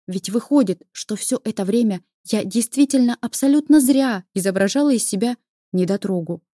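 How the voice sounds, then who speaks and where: Lady reading a novel aloud, first person, warm mellow voice, dead dry sound. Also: mid-range voice, dry recording. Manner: expressive storytelling. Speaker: audiobook narrator.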